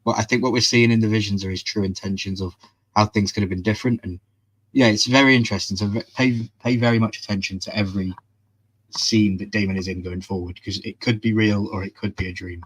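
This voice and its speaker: A man's voice: lowish voice, steady tone, fast talker, slightly rough. A man co-hosting a live TV review, explaining with eager emphasis in casual chat.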